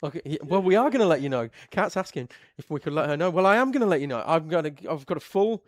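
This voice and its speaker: A man commentating live on a kart race, reading out the starting grid in a relaxed, steady list. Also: a little high, fast talker, dry recording, clean studio sound.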